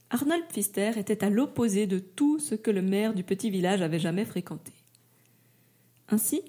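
A woman reads a literary tale aloud with a mellow tone. Her voice sits a little higher than most and she tells the story in a measured, even way. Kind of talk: scripted narration.

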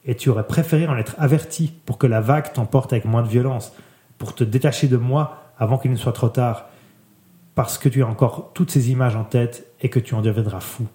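A man reading a literary text aloud in a soft, measured way, letting his voice drop quieter at the ends of phrases. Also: mid-range voice. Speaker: reader. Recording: roomy echo.

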